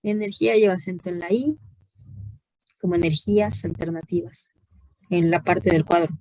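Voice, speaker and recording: A woman's voice: lowish voice, moderate pace, warm tone, no room sound. A woman, a teacher giving patient, corrective feedback on a student report during an online class. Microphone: video call.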